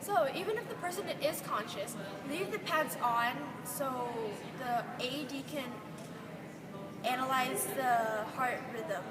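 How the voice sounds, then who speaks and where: A woman's voice: sits high, a little slow, recorded from a distance. A young woman acting out a first-aid rescue in a student demo, giving urgent directions. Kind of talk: acted first-aid demonstration. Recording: echoey hall with crowd noise.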